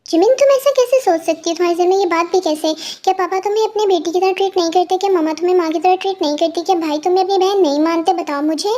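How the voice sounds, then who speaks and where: A man's voice: extremely high pitch, rapid-fire, few pauses, darkish tone. A woman reading a storybook voices a teasing, caring young man comforting his friend.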